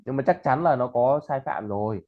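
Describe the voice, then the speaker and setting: A man's voice: medium pitch, lively intonation, fairly quick. A man chatting casually and then teaching pronunciation, explaining and repeating example words. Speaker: English tutor. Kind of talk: casual chat and pronunciation lesson. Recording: tinny phone-like line.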